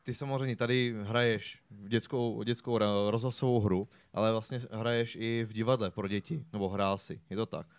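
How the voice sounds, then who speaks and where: A man's voice: fairly low pitch, steady tone, few pauses, clear, resonant tone. A man hosting a talk show, asking his guest questions in a coaxing way. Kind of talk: casual chat.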